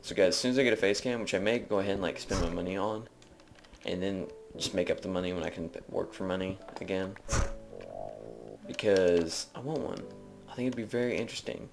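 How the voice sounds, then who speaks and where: Deep-voiced man rambling over gameplay. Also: fairly quick, music in the background. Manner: rambling, jokey self-narration. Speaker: video game let's player. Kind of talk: casual gameplay commentary. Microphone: desk microphone.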